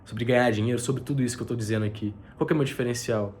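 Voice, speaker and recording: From a spot overlooking the city, a business mentor gives a casual, earnest motivational talk blending faith and money, full of fillers and restarts. A heavy cold leaves his mid-range voice nasal and stuffy, and he talks very fast with fairly even intonation and a slightly mellow tone. A little hiss or hum is present.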